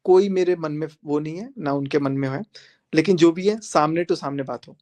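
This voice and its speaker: A livestreamer with a voice on the high side, a little mellow and at a moderate pace, calls on a rival to join him. He is confrontational and repetitive, addressing viewers directly.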